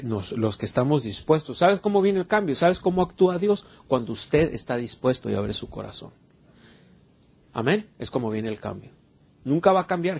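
Male pastor, raspy mid-pitched voice, conversational sermon, muffled low-fidelity recording. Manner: earnest, repeats words, asks the congregation questions. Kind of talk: conversational sermon with Bible study. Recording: dull lo-fi recording.

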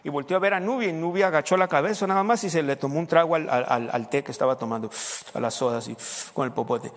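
A man's voice: fairly high pitch, quick pace, big-room sound. A man preaching a sermon, telling a story and acting out its dialogue. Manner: animated storyteller, acts out dialogue.

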